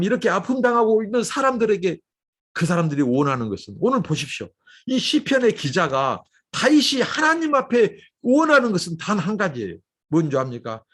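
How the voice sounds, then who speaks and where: Impassioned preacher with a husky, lively voice. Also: male voice, fairly high pitch. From Korea. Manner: impassioned, swings between loud urging and soft hushed asides. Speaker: pastor. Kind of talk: sermon. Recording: livestreamed dawn sermon.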